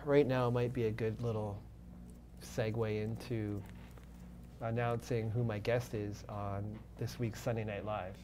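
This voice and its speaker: A man's voice: fairly low pitch, level tone, background noise. A man co-hosting a live investing show, announcing an upcoming guest in an upbeat, promotional way. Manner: upbeat, promotional, dramatic pauses. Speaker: co-host. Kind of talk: casual announcement.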